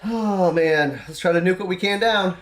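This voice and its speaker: A man's voice: high-pitched, normal speed, echoey room. A man casually chatting while streaming a game, rambling and laughing often as he plays.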